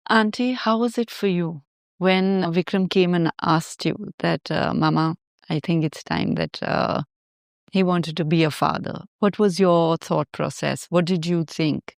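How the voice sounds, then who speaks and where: A woman's voice: lowish voice, measured pace, vocal fry, no echo, studio quality. A woman with an Indian accent, hosting a conversational interview. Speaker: interview host.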